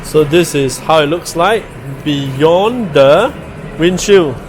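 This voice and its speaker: A man's voice: a little high, animated, slow, noisy background. A man with a Singaporean accent hosting a casual vlog, speaking colloquially with Singlish particles and tag questions. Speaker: vlog host. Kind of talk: casual vlog chat to viewers.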